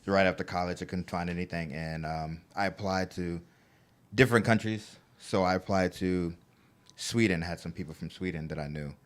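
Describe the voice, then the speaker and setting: A man's voice: low-pitched, steady tone, normal speed. A man from the United States, laid-back and casual, telling his story as a panel guest. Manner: laid-back, laughs often while telling stories.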